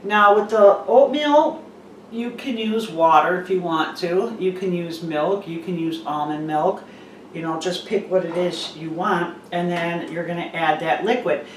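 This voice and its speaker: A woman's voice: on the low side, a little slow, slight background noise. Echoey, far-off woman in an empty kitchen. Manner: chatty, relaxed, with fillers. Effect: big echo of a bare kitchen. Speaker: cooking channel host. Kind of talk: casual recipe demonstration. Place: half-packed, empty-sounding home kitchen. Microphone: camera mic from a distance. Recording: echoey room, voice far from the mic.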